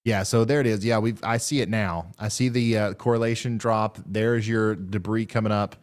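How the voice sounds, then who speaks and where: A man hosting a live severe weather stream, talking through radar updates in a halting, thinking-aloud way. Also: fairly low pitch, fairly even intonation.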